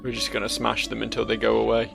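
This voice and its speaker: A man's voice: lowish voice, completely flat delivery, fast talker, gravelly, music in the background. A man giving casual let's play commentary with dry, musing asides. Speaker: gaming video host.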